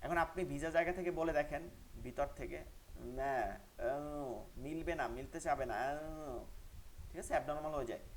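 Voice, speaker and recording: A man's voice: fairly high pitch, steady tone, slight background noise. Man teaching with drilled repetitions. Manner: repeats sounds slowly for learners to copy. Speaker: Quran recitation teacher. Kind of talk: online class lesson.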